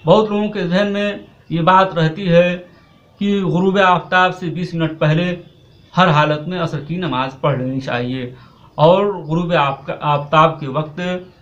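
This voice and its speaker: A man's voice: a little high, a little slow, a bit bright. A man giving a step-by-step religious lesson on prayer rules, repeating points with fillers. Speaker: Islamic cleric teaching prayer rules. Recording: dull lo-fi sound.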